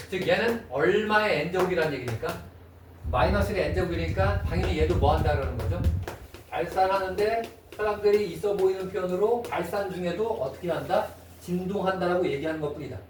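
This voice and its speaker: High-voiced man teaching math. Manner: asks students constant check-in questions. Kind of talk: classroom lecture. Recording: echoey room, mic far off, faint noise.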